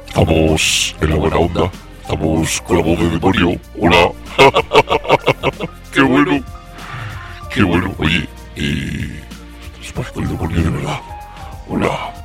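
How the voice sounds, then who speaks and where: Deep demonic voice filter on, very low and slow, playing a jokey demon. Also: male voice, soft background music. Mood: giddy. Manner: laughing, playful banter. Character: jokey male demon claiming to reap souls. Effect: demonic pitch-shifter voice effect. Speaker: radio host. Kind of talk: live radio banter.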